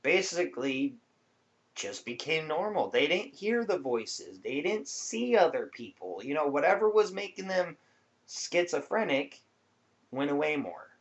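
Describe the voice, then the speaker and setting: A man vlogs casually to viewers in a fairly high voice with big pitch swings and a measured pace, giving laid-back, rambling explanations. The audio has a dull, lo-fi quality.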